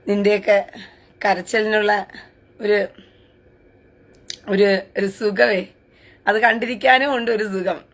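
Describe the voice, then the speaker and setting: A woman hosting a live-stream commentary. She reads out viewer comments and answers them in a taunting, sarcastic, crude way. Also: mid-range voice.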